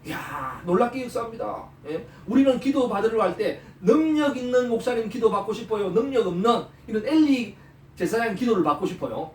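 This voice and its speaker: Male pastor preaching, high voice, lively swings, rhetorical questions, roomy space, distant mic. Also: brisk, slight background noise. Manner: animated, peppers talk with rhetorical questions and "eh?" prompts. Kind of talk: sermon.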